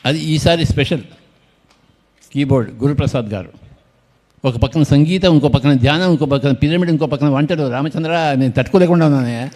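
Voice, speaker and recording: An older man heading a meditation gathering speaks a little fast, in a fairly high voice with a darkish tone. His style is informal, sprinkled with jokes and teasing remarks aimed at people in the crowd.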